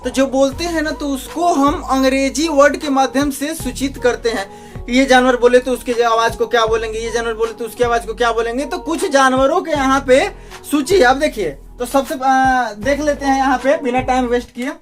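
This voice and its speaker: Man, high voice, chatty teacher, joking asides. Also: fairly even intonation, moderate pace, soft background music. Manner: chatty, joking asides, asks the listener questions. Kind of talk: informal spoken lesson.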